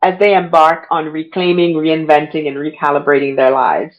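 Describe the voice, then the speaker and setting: A woman's voice: deep voice, fairly even intonation, moderate pace. A woman hosting a podcast interview in an affirming way, heard with a dull lo-fi sound. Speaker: podcast host.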